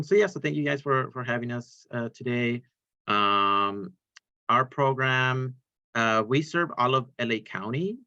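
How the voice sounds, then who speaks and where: A man's voice: medium pitch, pushed and bright, dry recording. Man talking over a muffled group video call. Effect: heard over an online group video call. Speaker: program specialist presenting to a meeting. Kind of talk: informal presentation.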